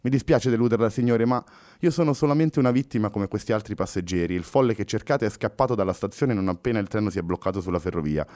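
A man voicing a calm, composed middle-aged poet who speaks politely and without fuss. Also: medium pitch, moderate pace, few pauses, pitched above the performer's own voice, close to an everyday voice.

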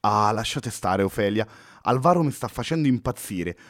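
A man voicing an excitable male poet who speaks in a formal, old-fashioned way, in a dry-sounding recording. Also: lowish voice, normal speed, no echo, close to an everyday voice. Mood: irritated.

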